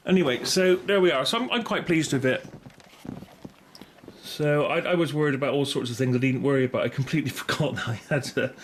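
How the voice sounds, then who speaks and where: A middle-aged British man with a medium-pitched voice speaks briskly as a video host reviewing gear. His review is casual and unscripted, rambling and tentative, and he often corrects himself. Background noise and room ambience are clearly audible.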